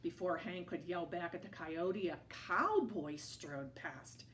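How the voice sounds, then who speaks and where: A woman reading a children's story aloud to toddlers in an expressive storytelling style. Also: lowish voice, slight background noise. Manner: slow, animated read-aloud.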